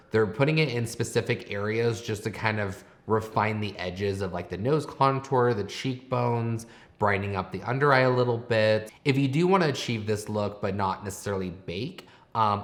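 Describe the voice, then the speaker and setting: A man giving explanatory makeup commentary as a host, advising in a conversational tutorial style. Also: lowish voice.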